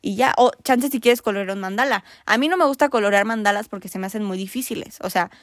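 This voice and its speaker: A woman's voice: medium pitch, quick pace, no echo, studio quality. A young woman with a Mexican accent, speaking candidly and chattily to her viewers as she gives casual advice. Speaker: vlogger. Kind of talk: casual advice talk to camera.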